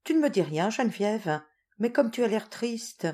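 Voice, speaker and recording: A woman reading the part of a gentle, reassuring young man in a storybook. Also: medium pitch, big pitch swings, normal speed, voice pushed up. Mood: tender. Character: young man, gentle loving childhood friend.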